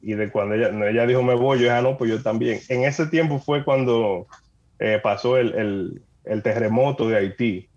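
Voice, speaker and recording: A man from the Dominican Republic with a Dominican accent, a podcast guest telling lively stories, acting out quoted dialogue and laughing often. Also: mid-range voice, moderate pace, muffled recording. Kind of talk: lively storytelling in a casual chat.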